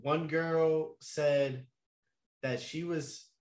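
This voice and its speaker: A man's voice: on the high side, fairly even intonation, drawn-out words, a little mellow. A young man telling a long story in a casual chat, laid-back and slangy, with lots of fillers and laughs. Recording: echoey room.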